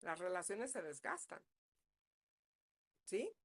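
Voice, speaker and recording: A woman's voice: fairly low pitch, very animated, takes it slowly, a bit bright. A woman psychologist giving a parenting class, talking conversationally and checking in with her listeners often. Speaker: psychologist leading a parenting talk. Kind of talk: live online parenting class.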